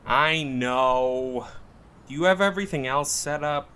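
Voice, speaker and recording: A man voices a brash, quipping aspiring podcast storyteller in a naturalistic audio drama, delivering flippant, deadpan humor. He speaks a little slowly in a smooth, mid-range voice.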